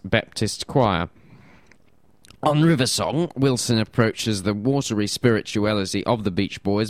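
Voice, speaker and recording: A man's voice: medium pitch, no room sound. A man presenting music on radio, reading notes casually with self-deprecating asides and stumbles over names.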